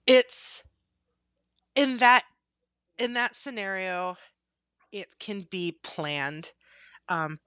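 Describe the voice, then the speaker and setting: Bright, candid woman podcast host. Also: mid-range voice, extremely slow, long pauses, clean tone, no room sound, clean studio sound. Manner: candid, laughs easily, animated. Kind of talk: casual podcast chat.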